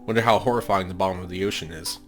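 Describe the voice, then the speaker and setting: A low-voiced man hosts a racing game playthrough, alternating between offhand commentary and storytelling narration of the on-screen text. The game music beneath him is prominent, and the talk mixes casual gaming commentary with reading aloud.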